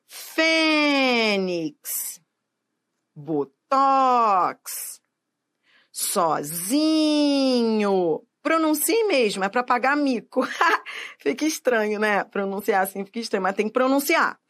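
A woman's voice: on the high side, animated, a bit bright. A woman teaching Portuguese grammar for exam prep, stretching words out and checking in with the viewer. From Brazil. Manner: didactic, drawn-out syllables, checks in with the viewer.

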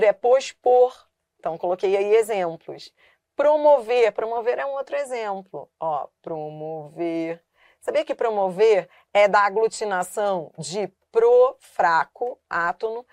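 A woman gives an exam-prep grammar lesson. She explains patiently, goes over each point again and leans hard on stressed syllables. Her voice sits at a middle pitch, and the recording is close and dry. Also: dry recording. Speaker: grammar teacher.

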